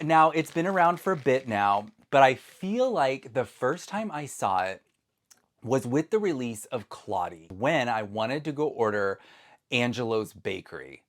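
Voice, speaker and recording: A man talks to his viewers in a chatty, excitable vlog, wandering into asides as he goes. His voice sits at an ordinary middle pitch. It is captured on a phone camera at home. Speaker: doll collector vlogger. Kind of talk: casual vlog chat.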